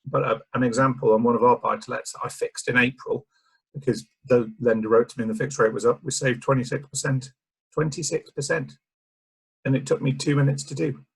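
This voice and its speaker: Male solicitor, husky, slightly hoarse, dry self-mocking humour, mid pitch. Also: fairly even intonation, fast, rough recording. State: a bit hoarse, frog in throat. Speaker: solicitor, guest speaker. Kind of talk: casual joking talk.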